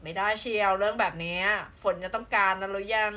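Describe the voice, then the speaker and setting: A woman's voice: mid-range voice, steady tone, quick pace, pushed and bright. A woman from southern Thailand chatting casually on a live stream, reading out viewer comments in a playful, exclamation-filled way.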